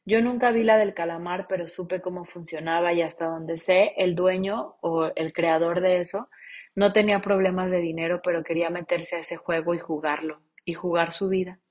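A woman with a Mexican accent, in her thirties, giving a casual motivational talk, blunt and profane, swinging between loud urging and hushed pleading. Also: fairly low pitch, steady tone, moderate pace, husky. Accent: Mexican Spanish. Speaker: self-help coach.

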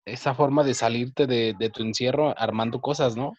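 A man with a Mexican accent in casual chat as a podcast co-host, relaxed, slangy and asking questions. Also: medium pitch, moderate pace. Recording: dull, dry close mic.

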